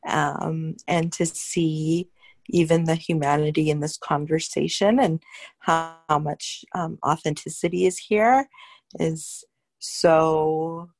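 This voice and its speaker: A woman with a very low, gravelly voice speaks very slowly and haltingly to thank the group. The recording is dry and close. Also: fairly even intonation, darkish tone, no room sound. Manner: slow, grateful, halting with "um". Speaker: workshop participant.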